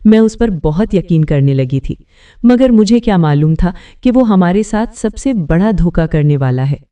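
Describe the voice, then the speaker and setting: A woman narrating in first person as a grieving mother, telling of her family's ruin in slow, sorrowful storytelling. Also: fairly low pitch, lively intonation, mellow, far from the mic, lightly acted.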